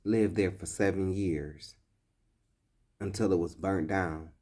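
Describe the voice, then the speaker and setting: A man's voice: low voice, fairly even intonation, takes it slowly, darkish tone. A man giving blunt, emphatic commentary in a vlog, reading old scripture passages and then explaining them in plain talk.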